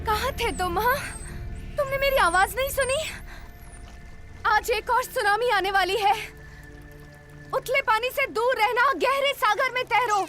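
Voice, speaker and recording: A woman's voice: extremely high pitch, unhurried, long pauses, bright, forceful tone, exaggerated voice. An actress playing a brave, caring young woman in a Hindi film dub, earnest and determined. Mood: tender. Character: young woman, brave and caring, rushing to save a sea creature. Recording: film audio with music behind.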